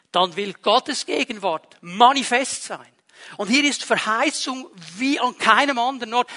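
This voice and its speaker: A man preaching a sermon to his congregation in a lively, conversational way, asking rhetorical questions. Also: very high-pitched. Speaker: pastor. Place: church hall with a congregation.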